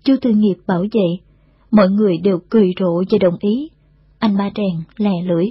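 A woman reading a story aloud in a steady, unhurried storytelling manner. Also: mid-range voice, slightly rough, dry recording. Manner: steady, unhurried storytelling, voices every character. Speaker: narrator. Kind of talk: scripted story narration. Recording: dull, dry lo-fi recording.

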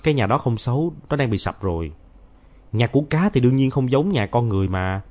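A man voicing a gentle, earnest little schoolgirl who speaks in a raised, childish voice. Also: mid-range voice, very animated, fairly quick.

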